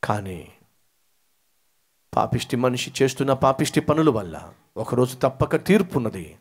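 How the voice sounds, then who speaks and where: A man's voice: moderate pace, breathy edge. A man preaching a sermon, telling a story and acting out its dialogue with rising emphasis. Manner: animated, acts out dialogue with rising emphatic pitch. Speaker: pastor.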